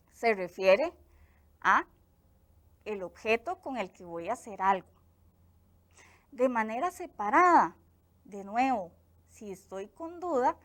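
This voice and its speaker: A woman teacher from Costa Rica with a Costa Rican accent, giving a clear, explanatory grammar lesson for television. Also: fairly high pitch. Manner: slow, clear explanatory delivery.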